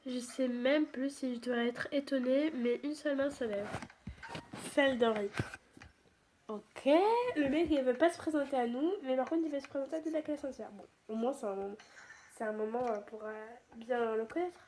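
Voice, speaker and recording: High-voiced woman reading a story. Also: normal speed, a little mellow, a little hiss or hum. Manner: chatty narration with restarts and asides. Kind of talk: first-person story reading.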